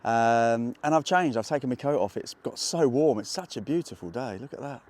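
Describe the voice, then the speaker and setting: Excitable male metal-detecting vlogger outdoors. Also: medium pitch, a little fast. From England. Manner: chatty, excitable, talks to viewers. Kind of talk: casual outdoor vlog narration. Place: muddy field outdoors.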